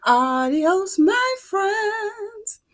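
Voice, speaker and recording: A woman's voice: very high-pitched, sing-song, extremely slow, a bit bright, faint music behind, exaggerated voice. A woman playing an overbright, exclamatory children's show host with a cheery, sing-song delivery. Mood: sing-song, affectionate. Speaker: children's show host teaching letter sounds.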